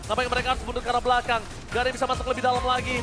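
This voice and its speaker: Hyped male esports shoutcaster, very high-pitched. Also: completely flat delivery, over music. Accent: Indonesian. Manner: hyped fighting game announcer delivery, dramatic drawn-out exclamations; drops English catchphrases into commentary. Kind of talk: live play-by-play game commentary.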